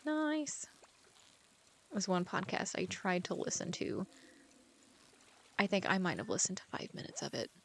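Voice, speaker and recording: With slight background noise, a fairly low, gravelly female voice speaks at normal speed, animated but with long pauses. She's an author chatting through a farming game, wandering between thoughts, full of "like" fillers, occasionally going almost to a whisper.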